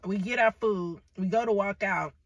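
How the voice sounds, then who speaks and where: A woman comedian telling a story in an animated, exasperated way. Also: medium pitch, moderate pace, no echo, lo-fi sound.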